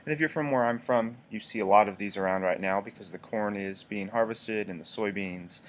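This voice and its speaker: Male tutorial presenter, lowish pitch, nose stuffed up from allergies, informal and explanatory screencast narration. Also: fairly quick, a little hiss or hum. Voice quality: congested, nasal. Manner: explanatory, conversational. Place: voice-over for a screen recording.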